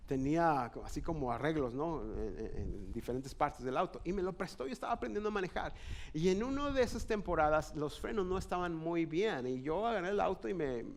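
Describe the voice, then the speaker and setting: A man's voice: fairly high pitch, a little mellow. A man with a Mexican accent preaching a sermon in a church auditorium, telling personal stories in an earnest, conversational way. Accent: Mexican Spanish. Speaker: pastor.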